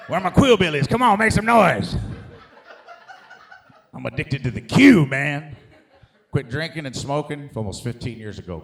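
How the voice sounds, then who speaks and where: This is profane, conversational stand-up from a middle-aged American man whose medium-pitched voice is a bit bright. He addresses the live crowd emphatically and directly as dude and guys, in an echoey room.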